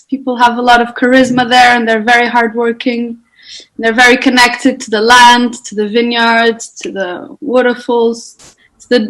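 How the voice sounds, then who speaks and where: This photographer from Portugal, a woman in her 20s whose first language is Portuguese, is a guest on a chatty podcast interview. Her voice is a little high with a fairly bright tone, though the audio is poor. Thoughtful and pausing to find words, she laughs lightly now and then.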